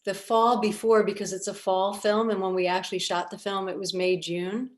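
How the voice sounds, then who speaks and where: A woman producer recounting a film shoot in a relaxed festival question-and-answer session, with light laughs. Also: medium pitch, moderate pace. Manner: storytelling, casual, light laughs. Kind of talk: festival Q&A conversation.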